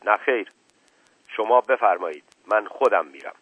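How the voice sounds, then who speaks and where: A man's voice: mid-range voice, breathy edge, dry recording, close to an everyday voice. A man voicing an older family patriarch who speaks in an imperious, indignant tone. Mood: commanding. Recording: tinny phone-like dry recording.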